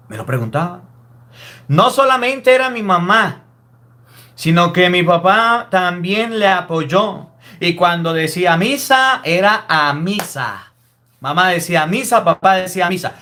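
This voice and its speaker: High-voiced priest preaching. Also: male voice, pushed and bright. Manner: emphatic, scolding preaching with rhetorical questions. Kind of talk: sermon.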